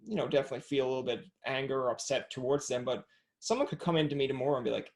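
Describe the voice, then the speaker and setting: A man's voice: medium pitch, rapid-fire. A man hosting a casual podcast interview over a video call. He jokes and acts out little scenes. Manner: jokey, animated storyteller who acts out quotes. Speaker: podcast host.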